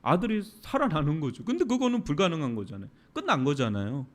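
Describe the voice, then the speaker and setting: A male pastor delivering a Friday night sermon, with dramatic swings from soft, drawn-out phrases to sudden loud outbursts. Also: fairly high pitch, sing-song.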